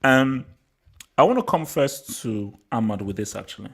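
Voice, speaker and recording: A man hosting a live football hangout, lively and steering the talk, breaking in on his guests to move things along. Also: medium pitch, moderate pace, creaky. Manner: animated, talks over guests to steer the discussion. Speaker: show host. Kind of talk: casual live hangout chat.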